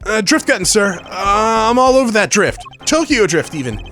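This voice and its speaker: Man putting on a high, jittery young rookie lawyer. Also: very animated, moderate pace, pushed and bright, soft background music, exaggerated voice. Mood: nervous. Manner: stammering, jittery, over-assuring. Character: anxious, eager young male rookie defence lawyer. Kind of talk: voicing video game dialogue.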